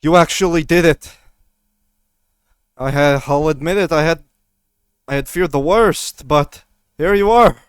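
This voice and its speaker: A man's voice: fairly high pitch, unhurried, pauses often, clean tone, dry recording, voice pushed up, lightly acted. A man voicing a relieved, earnest male commander in a tabletop game. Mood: relieved shouting.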